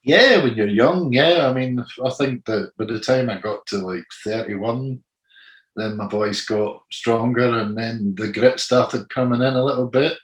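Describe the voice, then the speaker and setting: A man in his sixties with a gritty, gravelly voice, chatting loosely as an interview guest, full of "you know". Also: mid-range voice, a little slow, reverberant. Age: 60s. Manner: rambling, full of "you know", laughs easily. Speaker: guest singer. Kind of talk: casual interview chat.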